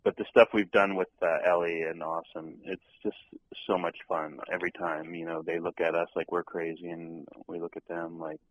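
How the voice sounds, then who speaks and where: A young man with a very low, deep voice talks in a relaxed interview. He stumbles through ums and false starts. He laughs easily as he chats about his work. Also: rough recording. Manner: halting, many ums and restarts, laughs easily. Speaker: actor being interviewed. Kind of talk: casual interview chat.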